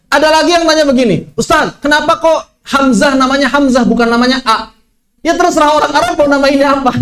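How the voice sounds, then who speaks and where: A man teaching an online tajwid lesson, lively, asking questions and answering them himself. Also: high-pitched. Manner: lively, asks and answers his own questions. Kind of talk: online Quran recitation lesson.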